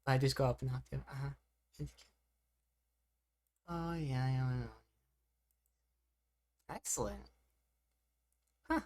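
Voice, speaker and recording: A woman's voice: extremely low pitch, slow pace, long pauses, a little mellow. A young woman streaming live, chatting casually with her chat, rambling and poking fun at herself. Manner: rambling, self-deprecating, reacting to chat.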